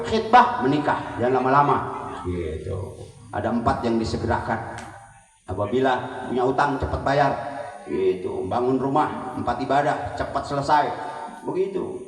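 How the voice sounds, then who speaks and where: A man preaching a humorous sermon, joking like a lively storyteller. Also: mid-range voice, normal speed. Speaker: Islamic preacher. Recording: echoey hall from far off, faint music.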